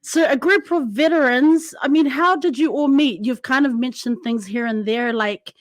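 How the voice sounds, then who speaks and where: A woman's voice: high voice, moderate pace, dry recording. A woman who hosts a podcast, asking casual, curious interview questions. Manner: curious, conversational. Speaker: podcast host.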